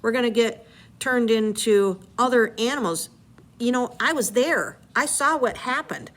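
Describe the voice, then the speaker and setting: A woman's voice: a little high, a little slow, a bit bright, pitched above the performer's own voice. A woman voicing a worried male sailor who pleads in casual slang. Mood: anxious.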